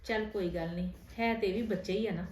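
A woman playing a patient stepmother who softly coaxes and pleads with her stepson in a homemade family drama. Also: medium pitch, quick pace, slight background noise, close to an everyday voice. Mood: resigned. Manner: soft, coaxing, affectionate pleading. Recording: roomy room with faint music.

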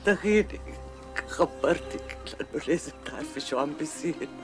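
A woman's voice: sits low, moderate pace, music in the background, lightly acted. A woman playing a distraught, pleading mother. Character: desperate mother of a kidnapped boy. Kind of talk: TV drama acting.

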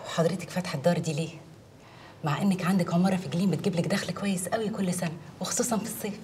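A woman's voice: lowish voice, racing, darkish tone, a little hiss or hum, close to an everyday voice. A young actress with an Egyptian accent playing an eager working woman who talks earnestly about living her own life in a TV drama. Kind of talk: TV drama dialogue.

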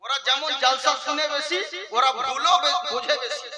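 A man preaching a sermon at a large gathering into a stage microphone, talking fast, asking rhetorical questions, joking and often shouting. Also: very high voice, reverberant, crowd noise.

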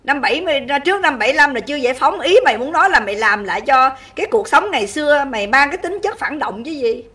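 A woman with a high, bright, piercing voice delivers an angry livestream rant. She scolds and insults in a harsh, relentless flow. She keeps turning to her viewers with rhetorical questions, asking whether she is right. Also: expressive, quick pace, distant mic. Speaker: livestream host.

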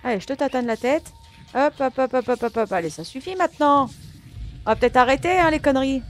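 A woman's voice: high voice, lively intonation, brisk. A woman giving casual gameplay commentary, chatting to her viewers and grumbling back at the game. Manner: chatty, talks back to the game and swears lightly at it; addresses viewers as friends. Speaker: gaming channel host.

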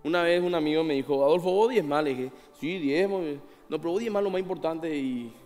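High-voiced pastor preaching in a hall. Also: male voice, fairly quick, darkish tone, faint music behind. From Paraguay. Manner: conversational preaching with rhetorical questions and acted-out dialogue. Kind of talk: sermon. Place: church hall.

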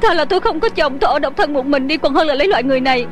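A woman's voice: sits high, very fast, close to an everyday voice. A woman dubbing a fierce, proud young tea-shop owner. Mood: tearful. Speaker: voice actress. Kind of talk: Vietnamese dub of a Hong Kong TV drama. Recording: dubbed voice over music score.

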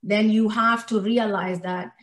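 A woman from Somalia who was raised in Kenya appears as a podcast guest in a heartfelt conversational interview. She speaks earnestly and emphatically, repeating words for stress. Her medium-pitched voice is steady and unhurried, with a roomy sound.

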